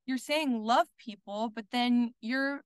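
Outspoken woman with a high, dry voice. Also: slow, clear, resonant tone, no echo. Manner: candid and outspoken, swears freely; filler-heavy with many "like"s. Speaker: podcast guest, content creator. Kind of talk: casual interview conversation.

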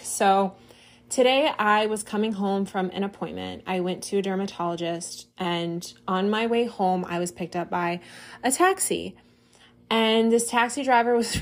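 A woman speaks alone into the mic as a podcast host and coach, earnest and heartfelt. Her voice sits at an ordinary middle pitch for a woman. She tells stories in a friendly, chatty way and slows down to read her own words with feeling. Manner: reads her own writing slowly and with feeling. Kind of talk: solo podcast monologue.

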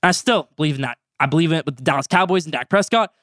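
Teen guy doing his sports podcast solo, high voice, talks quick and hyped, dry sound. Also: dry recording. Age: teens. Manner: energetic, stretches out segment names with excitement. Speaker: podcast host.

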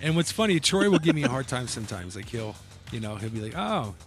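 A man's voice: medium pitch, sing-song, fast, music in the background. A man co-hosting a casual podcast, telling a family story and acting out the quotes with laughs. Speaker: podcast co-host.

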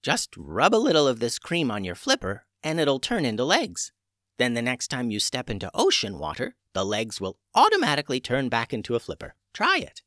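A man voicing an old witch who heals creatures, brisk and matter-of-fact, raising his voice to play her. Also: medium pitch, huge pitch swings, a bit bright, no room sound, clean studio sound. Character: wise old witch woman, brisk and unflappable.

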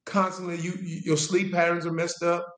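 This interview guest, a veteran in his forties, speaks in a monotone with a fairly bright tone and a voice a little high for a man. His storytelling is casual and Southern US, drawn out and halting, full of restarts that loop back, all heard with a roomy echo.

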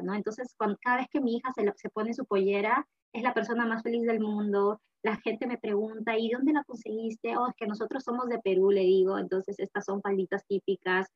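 A woman's voice: medium pitch, a little mellow. A woman, a mother chatting casually as a guest with many fillers. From Peru. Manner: chatty, frequent fillers and laughter. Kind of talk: casual conversation. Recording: slightly dull lo-fi recording.

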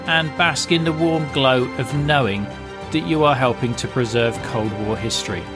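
Male podcast host reading promo over music. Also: medium pitch. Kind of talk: scripted promo read.

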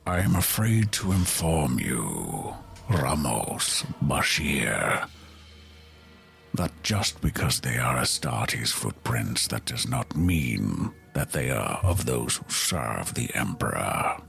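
Guy doing a stern old-soldier space warrior for a tabletop game, super deep, slow, gravelly, bossy. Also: sing-song, fairly bright tone, faint music behind, full character voice. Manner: solemn, commanding, deliberate. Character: stern, commanding male space warrior, grim veteran. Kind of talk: tabletop role-play acting.

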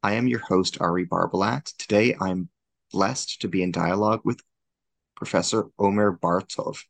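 A man hosts a podcast, introducing his guest and asking questions in a formal, courteous manner. His voice sits very low with a gravelly fry. The recording is dry and close, with no room sound. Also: moderate pace, no room sound. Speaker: podcast host. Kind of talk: formal interview hosting.

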